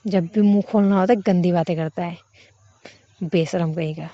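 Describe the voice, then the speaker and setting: A woman's voice: fairly low pitch, steady tone, normal speed, mellow, dry recording, close to an everyday voice. A woman voicing a hot-tempered young woman in love who scolds and then turns tender, in a dull, dry lo-fi recording. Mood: annoyed.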